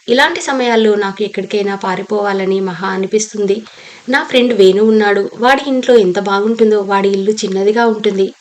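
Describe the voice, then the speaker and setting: Lady reading a novel out loud, steady and even, middle pitch. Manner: steady storytelling, reads all characters' lines in her own voice. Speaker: audiobook narrator. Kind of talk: novel read aloud.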